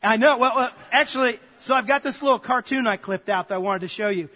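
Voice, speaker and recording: A man with a high, light voice preaches in a sanctuary, and the sound rings out with a long church reverb. He keeps it conversational, drifting into jokes and everyday stories as he talks to the congregation. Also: quick pace, pushed and bright. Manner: conversational, jokey storytelling to the congregation. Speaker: pastor. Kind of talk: sermon.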